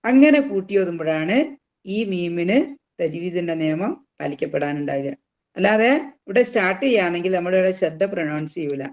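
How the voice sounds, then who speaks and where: A teacher giving a tajweed lesson, explaining each rule and then sounding out the words slowly to drill them. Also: medium pitch, animated. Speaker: Quran teacher.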